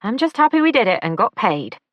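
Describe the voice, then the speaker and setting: A woman's voice: fairly high pitch, big pitch swings, a little fast, a bit bright, dry recording, voice pushed up. A woman voicing a careful young female pastry chef with dry humour in an audiobook.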